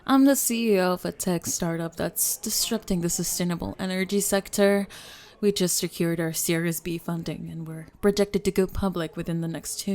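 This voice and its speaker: In an ASMR speed-dating role-play, a woman acts a driven, formal businesswoman who is brisk, self-assured and to the point, quizzing her date like a job candidate. Her voice sits a little low for a woman, a little mellow and close to her everyday voice.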